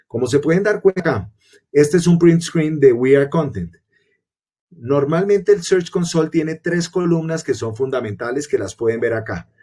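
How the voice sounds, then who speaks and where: Man, webinar presenter, mellow tone, husky, explains step by step. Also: mid-range voice. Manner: explanatory, poses and answers own questions. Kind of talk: webinar lecture.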